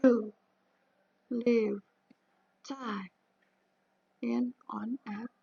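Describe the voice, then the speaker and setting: A woman teaching a beginner language lesson, speaking slowly and patiently and drawing out example syllables. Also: fairly high pitch, fairly even intonation, gravelly, breathy edge, muffled recording. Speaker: Mandarin teacher.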